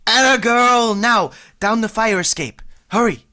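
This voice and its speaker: A woman with a higher voice plays a jittery teenage boy hurrying his date in an amateur old-time radio drama; she's lightly acted, urgent and flustered, pushing things along. Background noise can be heard.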